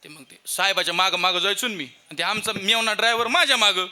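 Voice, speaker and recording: A man's voice: high-pitched, fast talker, sharp tone. A man with a rural Marathi accent giving a humorous devotional sermon at a temple festival, telling comic stories and acting out voices. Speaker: kirtan preacher.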